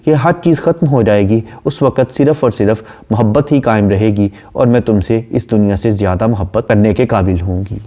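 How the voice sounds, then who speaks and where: A man, lecturing on a poem and explaining it line by line, reading the verse slowly. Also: on the low side, dark tone. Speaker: literature lecturer.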